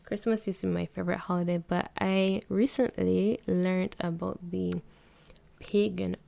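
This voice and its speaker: Her voice is fairly low, gravelly and dark, with little pitch movement and a normal speed. This young adult Barbadian woman hosts her own podcast solo, chatting casually in a Barbadian accent, laughing often and self-correcting.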